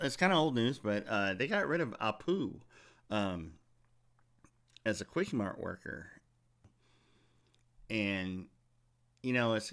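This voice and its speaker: A man with a lowish voice tells a rambling story on his comedy podcast, and his pitch jumps up and down a lot. He swears freely and keeps the talk loose and casual. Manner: profane, rambling, animated storyteller. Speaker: podcast host.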